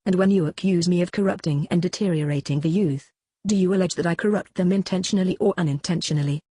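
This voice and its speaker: A reader voicing an aged philosopher on trial, cross-examining his accuser in a measured, questioning way in a dramatic reading. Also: medium pitch, warm tone, husky, close to an everyday voice. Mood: probing. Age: older. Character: aged male philosopher on trial, probing, ironic. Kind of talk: dramatic reading of a classical dialogue.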